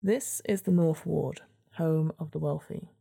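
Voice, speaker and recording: A woman's voice: low voice, a little slow, gravelly, dark tone, husky. A woman narrating a gamebook adventure in a storybook reading style, with casual asides as host.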